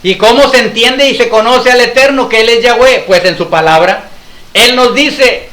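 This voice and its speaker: A man's voice: very high-pitched, normal speed, sharp tone. A man preaching a sermon, emphatic, asking rhetorical questions and repeating his points. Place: congregation hall. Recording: echoey room.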